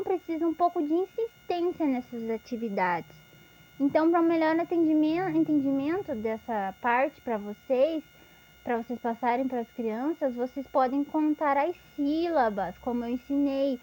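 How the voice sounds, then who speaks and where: A woman's voice: high-pitched, dark tone. A woman giving an instructional lesson, patiently explaining step by step with examples. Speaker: teacher.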